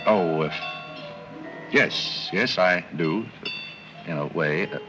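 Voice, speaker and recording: An actor playing an unruffled, gentlemanly butler with courteous, dry screwball comedy banter in a 1930s film. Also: male voice, deep voice, slow, music in the background. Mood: calm, humoring. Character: polite, unruffled, gentlemanly new male butler. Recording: muffled, noisy 1930s film soundtrack.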